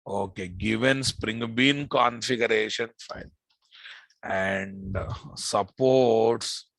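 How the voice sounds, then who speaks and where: A man's voice: fairly low pitch, takes it slowly, gravelly, a bit bright, no echo. A man with a Telugu Indian accent giving an informal technical lecture as an instructor, repeating phrases and often quizzing his listeners. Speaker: programming instructor teaching a live class.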